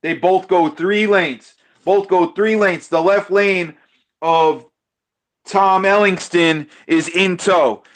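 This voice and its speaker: A man calling a diecast car race live with an excited play-by-play, repeating his calls, stumbling over names and losing his voice. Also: sits high, slow pace. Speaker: race commentator.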